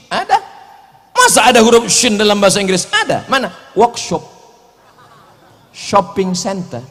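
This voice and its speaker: A man preaching a sermon in an animated, joking way, his voice jumping sharply in pitch and loudness. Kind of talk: humorous sermon. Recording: long hall reverb.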